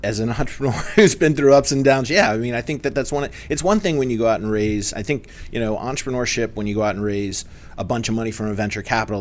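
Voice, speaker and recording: A man who runs a company, answering interview questions in a relaxed way with self-deprecating humor. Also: fairly low pitch. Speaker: company CEO guest.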